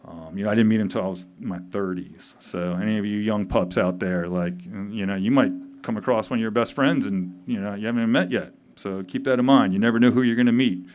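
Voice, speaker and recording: A man in his fifties, grieving, giving a halting memorial speech full of pauses and fillers at a tavern gathering. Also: lowish voice, a little mellow, slight background noise. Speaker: eulogy speaker. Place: tavern event.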